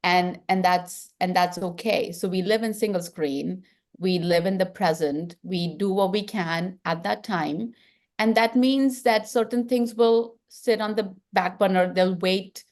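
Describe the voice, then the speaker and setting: A woman's voice: mid-range voice, measured pace, darkish tone. A middle-aged woman with an Indian accent, a film director talking earnestly in an interview and thinking aloud with frequent restarts. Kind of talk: reflective interview talk.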